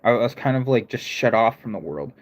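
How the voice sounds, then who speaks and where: Expressive and a little fast, this young man's medium-pitched voice carries a mixed northern-southern American accent. During his casual live stream he talks loosely to chat, rambling and frequently breaking off to restart.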